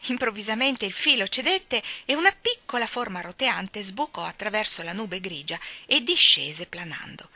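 A woman narrating a children's story as an expressive reader, dropping to a hush in quiet passages. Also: mid-range voice, normal speed, few pauses, no room sound. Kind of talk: audiobook reading.

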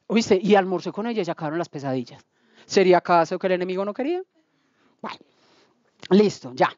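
Colombian woman, testimony speaker, animated storyteller, dull dry recording. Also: lowish voice, fast, dry recording. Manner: lively storyteller acting out dialogue. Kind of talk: spoken testimony to a church group.

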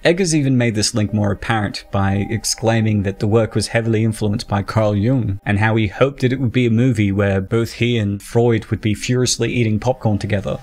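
A man giving scripted, measured narration for a film explainer video. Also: lowish voice, darkish tone.

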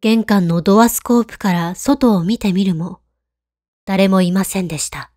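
A woman reading a scripted horror story in a hushed, calm, creepy storytelling manner. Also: medium pitch, moderate pace, no room sound, clean studio sound. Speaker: ghost story narrator.

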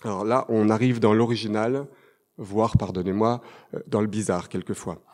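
French guy giving a talk, lots of euh, dark mellow voice, long hall echo. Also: fairly low pitch, steady tone, moderate pace. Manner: hesitant, many fillers, reads quotations aloud. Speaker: lecturer. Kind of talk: academic conference talk.

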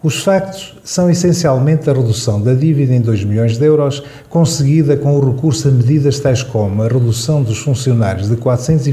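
Dark-voiced man reading a radio opinion piece. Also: medium pitch. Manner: measured, dryly ironic. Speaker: opinion columnist.

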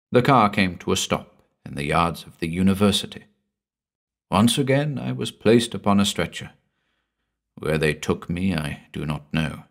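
A man with a very low, gravelly voice tells a horror story in the first person. His reading is slow and measured, with a brooding weight to every line. Low voice with a rough grain throughout. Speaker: audiobook narrator. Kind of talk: scripted horror story narration.

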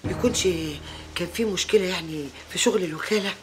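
A woman's voice: fairly low pitch, quick pace, noisy background, lightly acted. An actress with an Egyptian accent playing a worried middle-aged mother who comforts her daughter in a TV drama. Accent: Egyptian Arabic. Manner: anxious, comforting. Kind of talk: TV drama acting. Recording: music score underneath.

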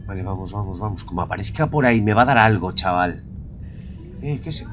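Jumpy Spanish gamer, whispering and yelping. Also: male voice, lowish voice, animated, a little fast, muffled recording, slight background noise. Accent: Spain Spanish. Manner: jumpy and profane, drops to whispers and bursts into yelps; keeps addressing viewers as lads. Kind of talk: horror game let's play commentary.

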